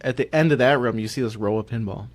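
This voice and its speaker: A man co-hosting a podcast, recounting a trip in a steady, matter-of-fact way. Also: medium pitch, fast talker. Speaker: podcast co-host. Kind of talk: casual podcast chat.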